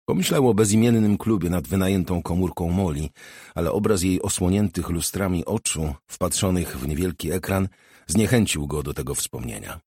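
A man narrating a novel in a steady, measured reading. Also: low voice, husky, no room sound, studio quality. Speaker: audiobook narrator. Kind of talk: scripted narration.

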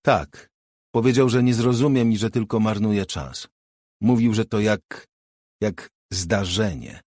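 A man reading the part of an anxious young woman in an audiobook, raising his voice a little with a soft, trembling manner. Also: lowish voice, a little slow, dry recording, clean studio sound. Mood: uneasy. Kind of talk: audiobook character voice.

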